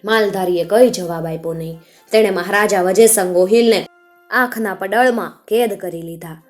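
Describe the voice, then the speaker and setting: A woman's voice: medium pitch, moderate pace. A woman narrating a scripted folk tale in a vivid, descriptive storytelling manner. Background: faint background music.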